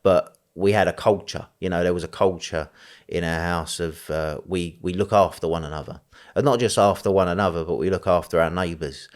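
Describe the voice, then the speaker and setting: A man with a strong East London accent talks as an interview guest, his voice sitting very low. He rambles, fills pauses with ums and you-knows, and laughs easily as he goes. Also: fairly even intonation. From East End of London, England. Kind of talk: conversational interview.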